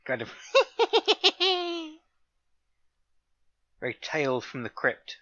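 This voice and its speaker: A man's voice: medium pitch, lively intonation, moderate pace, a bit bright, no echo, muffled recording. A man hosting a let's play, chatting casually and self-mockingly while reading game menus aloud. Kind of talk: casual gameplay commentary.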